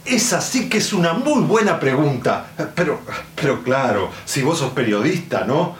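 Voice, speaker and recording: A bitter, mocking son in a stage radio play, high for a man and swinging widely in pitch. He drawls crude sarcasm in a roomy recording with some hiss. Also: sing-song, moderate pace. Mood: sarcastic amusement. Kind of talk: theatrical radio drama acting.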